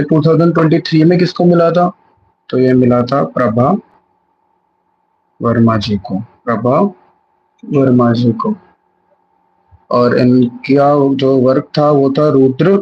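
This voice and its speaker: A man's voice: medium pitch, dull audio, slight background noise. A young man giving a live revision lesson, chatty and self-correcting, mixing English words into his Hindi. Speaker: exam prep teacher.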